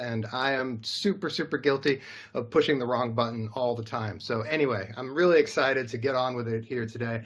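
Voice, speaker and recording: A man's voice: mid-range voice, fairly bright tone. A man hosting a live interview over a video call, upbeat and chatty with a self-deprecating manner. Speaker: host.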